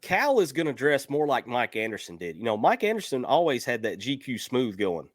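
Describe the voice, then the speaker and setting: A man's voice: medium pitch, big pitch swings, brisk, no echo. A man co-hosting a sports show, chatting casually in a plain-spoken, folksy manner. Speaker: sports podcast co-host. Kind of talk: casual chat.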